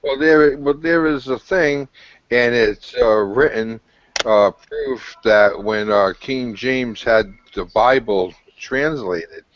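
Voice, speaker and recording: Halting man with a Rhode Island accent. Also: medium pitch. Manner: hesitant, halting, with many ums. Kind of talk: casual chat. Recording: dull, lo-fi voice chat.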